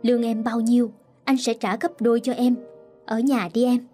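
A woman's voice: a little high, level tone, moderate pace, soft background music, natural voice. A woman voicing a young husband who speaks firmly and sharply to his sister, in a storybook reading. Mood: firm, angry. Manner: firm, pleading then sharp.

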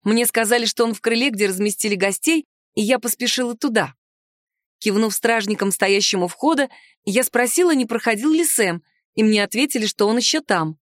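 A woman telling a first-person fantasy story with a lively, sharp-edged delivery. Her voice sits fairly high, and the recording is close and dry with no room sound. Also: fairly quick, no room sound. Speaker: audiobook narrator. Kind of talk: first-person audiobook narration.

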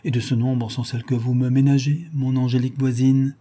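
A man voicing a vain, haughty young gentleman who talks with affected, disdainful politeness. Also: medium pitch, little pitch movement, fairly quick, slightly rough, lightly acted. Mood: mock-polite.

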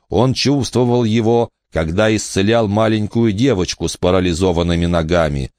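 Deep-voiced male audiobook narrator. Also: darkish tone, no echo, studio quality.

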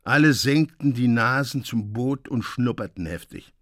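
A man narrating a literary story in a measured, expressive reading style. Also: medium pitch, no room sound. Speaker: audiobook reader. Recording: dry studio sound.

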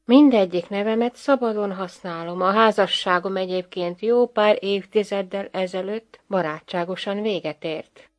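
A woman's voice: medium pitch, hardly any pauses, lightly acted. A woman reading a proud, wry aging woman. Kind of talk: audiobook dialogue reading.

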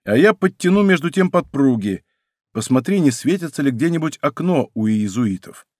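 A man's voice: on the high side, animated, normal speed, a little mellow, dry recording, studio quality. A man putting on a brash Gascon musketeer. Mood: brisk. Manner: brash, defiant, commanding. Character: bold young Gascon musketeer lieutenant, proud and quick to threaten. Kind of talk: audiobook character voice.

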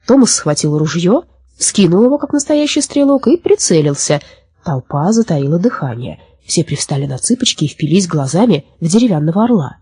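Female audiobook narrator, children's story, expressive, breathy, dry close mic. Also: fairly low pitch, fairly quick, no echo.

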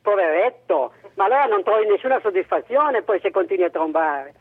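A man's voice: high voice, lively intonation, quick pace. A man in his seventies with an aged, womanish voice like an old spinster's, chatting bluntly and talkatively as a phone-in caller. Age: 70s. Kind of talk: casual candid chat. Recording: tinny telephone line.

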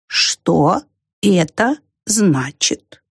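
A calm, peculiar female snail from a storybook, drawing each word out at a crawl. A woman does her voice in the reading. Her tone is quiet and unhurried, recorded dry and close. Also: on the low side, vocal fry, breathy edge, dry recording, full character voice. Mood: slow and calm. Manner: very slow, drawn out, quiet.

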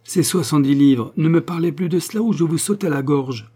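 A man's voice: moderate pace, mellow, slightly rough, lightly acted. A man reading a novel aloud, voicing a scheming, sneering woman in a raised, mocking tone. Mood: furious. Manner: sneering, mocking, shrill outbursts.

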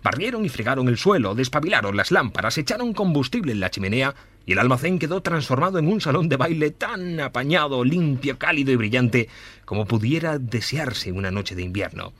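A man narrating a classic Christmas story in a measured, storytelling way. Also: medium pitch, lively intonation, fairly bright tone, no room sound. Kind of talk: scripted narration.

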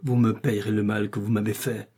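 A man's voice: on the low side, flat delivery, a little fast, mellow, slightly rough. A man voicing a young Venetian nobleman, a passionate, jealous lover, with impassioned, declamatory delivery. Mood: indignant.

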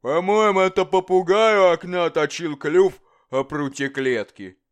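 A man's voice: high-pitched, a little slow, pitched above the performer's own voice. A man voicing a placating royal courtier in an audiobook reading. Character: ingratiating male royal courtier.

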